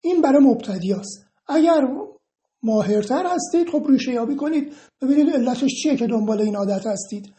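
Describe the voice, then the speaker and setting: A woman with a somewhat high, soft and mellow voice works through listener questions one by one. She reads each question aloud, then explains her answer in a calm, reassuring tone. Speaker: EFT instructor answering viewer questions. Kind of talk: informal explanatory Q&A monologue.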